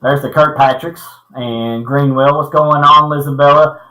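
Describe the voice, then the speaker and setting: A man's voice: a little high, fairly even intonation, normal speed, bright, forceful tone, echoey room, rough recording. A man co-hosting a casual fishing livestream from a small basement corner room, his voice hollow as if through a pipe, greeting viewers and teasing friends. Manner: laid-back, teasing, friendly. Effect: hollow pipe-like sound from a small basement corner room.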